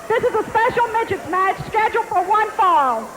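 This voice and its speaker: Ring announcer, very high pitch, boxing-style drawn-out formal introductions, noisy arena recording. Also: expressive.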